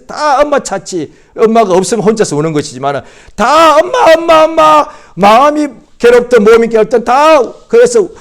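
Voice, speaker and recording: A high-voiced male pastor preaches at a Friday prayer meeting, swinging between loud surges and hushed drops and repeating phrases for emphasis.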